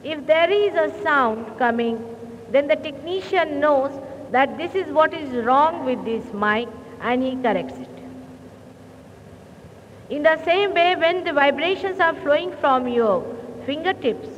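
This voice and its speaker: Slow, high-voiced woman on an old hall recording. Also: lively intonation. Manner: slow, deliberate, clears throat often. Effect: old 1970s hall recording. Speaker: spiritual teacher. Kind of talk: sermon. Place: large hall. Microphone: speaking into a hall microphone. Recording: old muffled hall recording with faint hiss.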